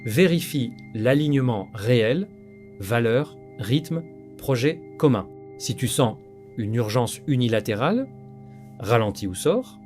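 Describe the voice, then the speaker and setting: A man narrates in clipped, terse statements that sound like rules, his pitch moving a lot. Faint guitar plays behind him. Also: lively intonation, measured pace, a little mellow. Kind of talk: analytical voice-over. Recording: voice-over with faint guitar music.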